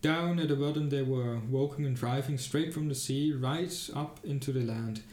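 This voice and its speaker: A man narrating a fairy tale in a steady, even storytelling manner. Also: medium pitch, normal speed. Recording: roomy, echoey room.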